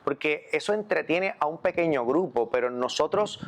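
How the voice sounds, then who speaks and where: A Puerto Rican man, a priest, answering interview questions in a measured, reflective way and repeating phrases for emphasis. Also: a little high, animated, slight background noise. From Puerto Rico.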